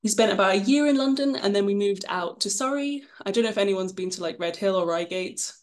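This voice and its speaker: A Scottish woman in her twenties, a guest illustrator, talks a little fast in a mid-range voice. She chats casually about how she became an illustrator, poking fun at herself and saying "um" a lot.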